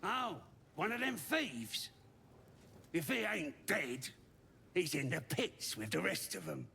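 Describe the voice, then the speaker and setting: An actor voicing a crude, boastful male goblin brute in a video game, with a coarse, gravelly voice. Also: a little high, very animated, slow, sharp tone, a little hiss or hum, exaggerated voice. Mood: gloating. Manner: gloating, bossy, dropping word endings.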